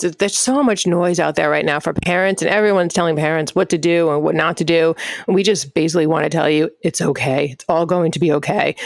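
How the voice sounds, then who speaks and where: A middle-aged woman with a Long Island accent chats as a podcast co-host. She speaks quickly in a slightly low register, with a very dry recording around her. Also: no room sound. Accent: Long Island New York. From Long Island, New York. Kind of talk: casual podcast conversation.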